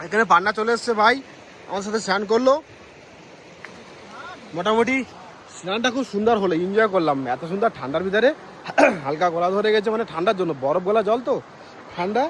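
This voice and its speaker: High-voiced excited male travel vlogger. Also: brisk, pauses often, a little hiss or hum. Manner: chatty and excited, talking to viewers. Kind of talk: casual travel vlog narration. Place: outdoors by a mountain river.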